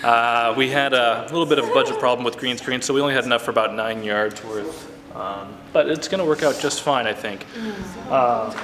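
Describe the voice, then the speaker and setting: A man's voice: medium pitch, brisk, crowd noise. A young man playing an eager, goofy filmmaker, chatting to the camera behind the scenes of a comedy shoot. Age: young adult. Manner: eager, goofy, excitable director. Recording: noisy amateur camera audio.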